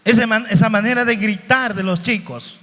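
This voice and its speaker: A man from Bolivia preaching a sermon slowly and emotionally, with dramatic shifts in his voice. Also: sits high, pushed and bright. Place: church hall. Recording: reverberant hall.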